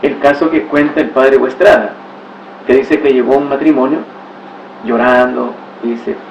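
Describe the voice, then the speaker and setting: A man's voice: mid-range voice, fairly even intonation, normal speed. A man giving a religious teaching talk, telling stories with exclamations and rhetorical asides. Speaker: catechist. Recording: roomy, distant, dull recording with faint hiss.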